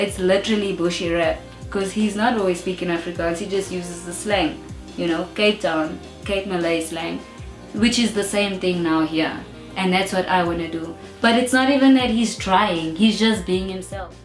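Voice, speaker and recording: A young South African rap artist, a native English speaker, talks openly and emphatically in a casual interview, often adding "you know." Her voice is fairly low, at a moderate pace. The recording has a roomy echo with faint music behind.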